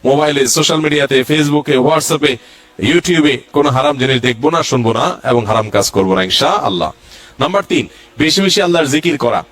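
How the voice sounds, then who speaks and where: A man's voice: mid-range voice, animated, fast talker, fairly bright tone. A male Islamic preacher giving a religious lecture, going through numbered points and reciting Arabic verses.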